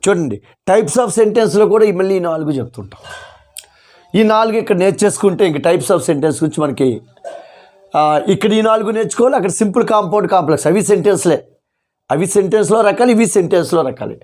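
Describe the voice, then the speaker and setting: A man's voice: high voice, lively intonation, fairly quick, darkish tone. A man teaching English grammar, repeating key terms and answering his own questions. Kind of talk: classroom-style grammar lesson.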